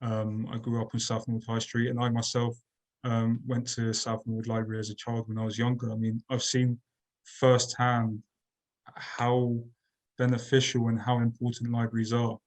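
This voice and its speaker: A man's voice: medium pitch, completely flat delivery, normal speed, low-quality recording. A man from Croydon, answering as a candidate in a local debate in an earnest way. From Croydon, England. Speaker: council candidate.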